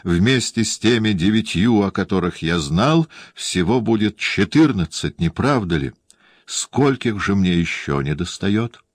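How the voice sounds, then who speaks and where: A man's voice: low-pitched, animated, a little slow, no room sound. A man voicing a bitter, jealous nobleman with a coldly polite, ironic manner. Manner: icily polite, turning to bitter outbursts.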